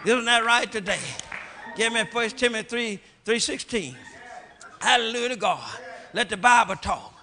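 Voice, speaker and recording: A middle-aged man preaching a call-and-response sermon as bishop, chanting short phrases that rise to shouts. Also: very high-pitched, normal speed. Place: large church sanctuary with congregation. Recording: music and crowd noise from a church service.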